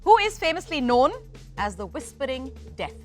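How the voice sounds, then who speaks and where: A woman's voice: sits high, sing-song, moderate pace. A woman presenting a quiz show in an upbeat hosting style. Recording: music under the voice.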